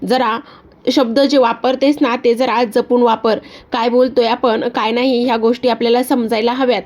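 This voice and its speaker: Brief: woman voicing a defiant young schemer, mocking, slightly high voice. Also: little pitch movement, moderate pace, darkish tone, close to an everyday voice. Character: scheming young woman grabbing family wealth.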